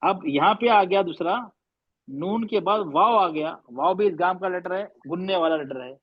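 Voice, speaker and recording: A man teaching a recitation class, patiently explaining and slowly drawing out and repeating recited words. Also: sits high, no room sound, lo-fi sound.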